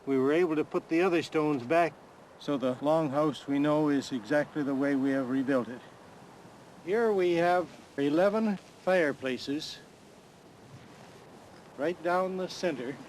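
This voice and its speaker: A man's voice: on the high side, darkish tone, a little hiss or hum, low-quality recording. A man, an archaeologist, explaining outdoor field sites in an earnest, explanatory way. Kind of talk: on-site documentary explanation.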